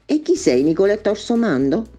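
Mary, a woman voicing a sharp-tongued young woman. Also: mid-range voice, sing-song, fairly quick, faint music behind, pitched above the performer's own voice. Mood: sardonic. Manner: sarcastic, brusque.

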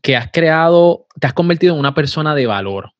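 Man, podcast host, affirming, mid pitch, dry and slightly muffled sound. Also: lively intonation, fairly quick, dry recording. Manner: affirming, asks questions, fillers. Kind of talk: conversational podcast interview.

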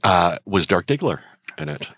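A man with a very low, deep voice that swings widely in pitch, trading jokes in a relaxed podcast chat. He sounds close and dry, with no room around him. His delivery is playful and wisecracking. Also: breathy edge, no echo. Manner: joking, quick to crack jokes. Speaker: podcast co-host. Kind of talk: casual chat.

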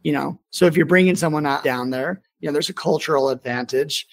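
A man who is a podcast host and business owner runs a casual interview, talking informally, rambling a bit and dropping "like" throughout. His pitch is fairly high, he talks a little fast, and there's vocal fry.

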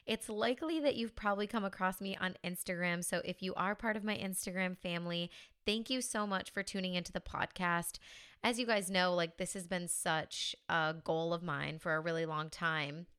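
A young woman from the United States hosts her own podcast in a relaxed, chatty monologue, upbeat and full of "like" and "you know." Her voice sits low for a woman and comes across smooth and clear. She talks as a mindset coach speaking to her listeners. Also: normal speed.

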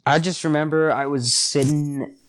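A man's voice: a little high, fairly even intonation, normal speed. A young American man chatting casually and telling stories in laid-back bro talk, full of "dude" and "like.". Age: young adult. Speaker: podcast guest, sports podcast host.

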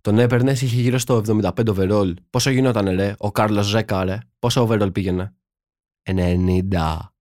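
A young man co-hosting a casual podcast chat, joking and animated, full of slang. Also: fairly low pitch, hardly any pauses, no room sound, clean studio sound. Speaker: podcast co-host.

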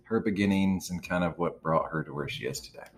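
A man's voice: sits low, brisk. A man hosting a podcast in a loose, casual chat, rambling with lots of fillers and the odd swear word. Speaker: podcast host.

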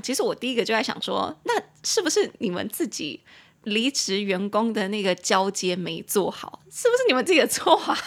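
A woman's voice: medium pitch, gravelly, a bit bright. A young woman, chatting animatedly as the host of a podcast English lesson.

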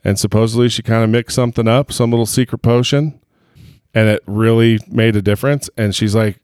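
A man's voice: on the low side, steady tone, fairly quick, a little mellow, clear, resonant tone, no echo. Man, podcast co-host, casual chat, joking, rambling, dry recording. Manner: joking, self-conscious, rambling.

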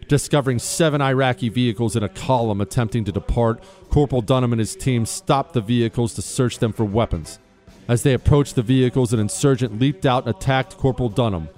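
An American man, a radio host, reading a military citation aloud in a crisp, formal, scripted manner. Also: medium pitch, brisk, a little mellow, faint music behind. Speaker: radio talk show host.

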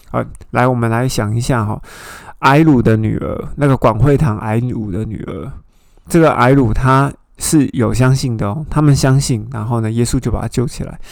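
Gravelly man teaching a Bible study. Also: mid-range voice, no room sound. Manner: explanatory, asks the listener rhetorical questions; retells scripture scenes in a storytelling way.

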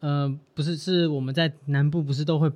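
A man, telling a story on a podcast in a relaxed, self-mocking way. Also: fairly high pitch, fairly quick. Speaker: podcast co-host. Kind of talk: casual storytelling.

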